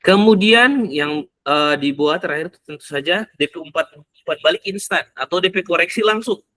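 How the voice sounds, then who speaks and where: A man explaining in casual talk, often pausing to search for words. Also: a little high, bright, forceful tone. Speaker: speaker explaining AI tools for learning English.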